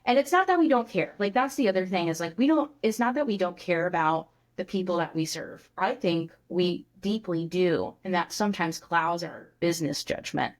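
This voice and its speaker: A woman guest on a podcast with a slightly low voice. She explains her ideas with animated, casual energy and scatters filler words through her talk. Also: normal speed, few pauses. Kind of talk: conversational interview.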